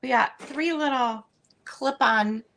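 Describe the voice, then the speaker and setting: A woman selling vintage items, chatting casually and meanderingly as she unpacks, with plenty of fillers, and a voice that is going a bit hoarse. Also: sits high, slow, fairly bright tone, rough recording. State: losing her voice. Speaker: vintage seller showing stock. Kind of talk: casual unboxing chat.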